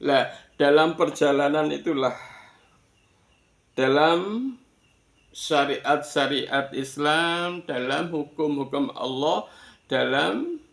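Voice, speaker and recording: A man delivers a sermon-like lesson in a fairly high, gravelly voice. He goes slowly and deliberately, breaking sentences into short phrases and repeating words to stress them. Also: a bit bright. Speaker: Islamic religious teacher. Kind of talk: sermon-like explanatory religious lesson. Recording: echoey room.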